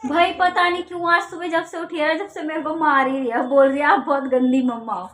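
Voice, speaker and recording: A high-pitched woman from India, chatting casually through a family vlog as a mother. She talks straight to her viewers and now and then scolds her child in exasperation. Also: flat delivery, fairly quick, a bit bright. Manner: chatty, addresses viewers directly. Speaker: vlogger and mother.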